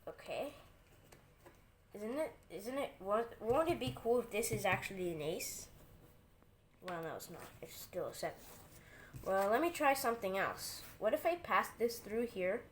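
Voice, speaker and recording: A woman's voice: mid-range voice, sing-song, normal speed, slight background noise. A woman giving informal card magician patter, talking through each move step by step as she demonstrates and teaches a trick. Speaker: amateur card magician presenting a trick and tutorial.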